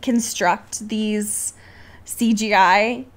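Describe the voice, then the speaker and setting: A woman with a steady, medium-pitched voice talks extremely slowly while co-hosting a podcast about films. Her explanations come in relaxed, informal chat that includes some swearing.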